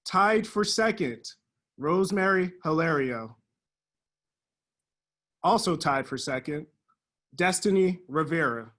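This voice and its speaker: A man reads out the class rankings at a graduation, one name at a time. He speaks very slowly, and his voice is bright and slightly high. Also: lively intonation. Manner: slow, measured announcing. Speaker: assistant principal. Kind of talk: reading out honors.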